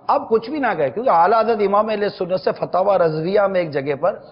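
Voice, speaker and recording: A man hosting a religious talk show, explaining patiently and slowing down to stress key points. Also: sits high, in a large hall, highs cut off. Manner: measured, explanatory, slows for emphasis. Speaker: religious scholar answering questions.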